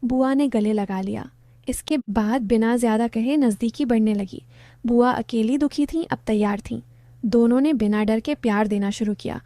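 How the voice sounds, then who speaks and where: A woman storyteller narrating a story in an even, plain way. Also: a little high, normal speed, dry recording.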